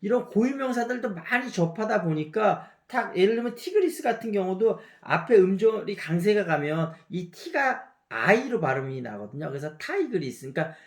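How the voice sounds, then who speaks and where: A man's voice: high voice, very animated, normal speed, hardly any pauses, roomy sound. A man in his fifties with a slight Gyeongsang Korean lilt, an English teacher chatting through a pronunciation lecture and demonstrating words aloud.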